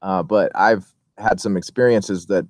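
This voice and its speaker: A man's voice: deep voice, fairly even intonation, a little slow, dry recording, studio quality. A man hosting a casual interview, rambling through long questions with many fillers and restarts. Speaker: interview host.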